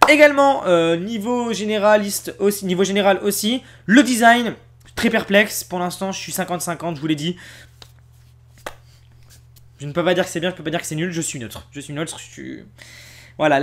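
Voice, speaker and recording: Dude rambling fast to his viewers, animated, keeps repeating himself. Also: high-pitched. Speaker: YouTube card collector host. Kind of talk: casual chat to viewers.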